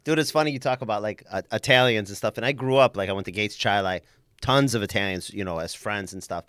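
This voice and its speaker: A man's voice: on the low side, fast talker, a bit bright, clean tone, no echo, clean studio sound. A man co-hosting a casual podcast, chatting in a laid-back way. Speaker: podcast co-host.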